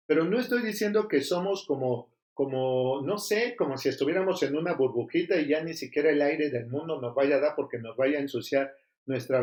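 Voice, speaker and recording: Emphatic pastor preaching. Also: male voice, on the high side, a little mellow, roomy sound. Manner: emphatic preaching with frequent rhetorical questions. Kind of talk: sermon.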